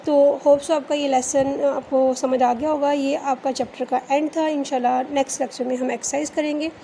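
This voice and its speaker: A woman with a Pakistani Urdu accent teaches a chemistry lecture in a high, bright voice. She reads English lines slowly, then explains them in Urdu, dropping in fillers and "theek hai" checks along the way. A faint hum of ambient noise sits behind her. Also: little pitch movement. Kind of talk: recorded classroom lecture.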